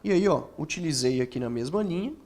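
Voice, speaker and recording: A man's voice: a little high, animated, a little mellow. A man with a Brazilian accent teaching essay writing in an online course, checking in with tag questions and answering imagined student questions himself. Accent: Brazilian Portuguese. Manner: explains with quick rhetorical questions and tag questions; acts out student questions in his own voice.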